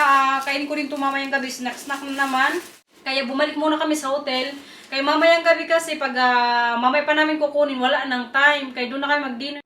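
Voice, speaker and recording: A woman's voice: sits high, bright, forceful tone. A young Filipina woman with a Filipino accent, chatting casually and giggling in a travel vlog, mixing in English. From Philippines. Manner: chatty, giggly, mixes English into her talk. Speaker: vlogger. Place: busy city streets and shops. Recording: noisy street phone recording. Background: crowd and traffic noise.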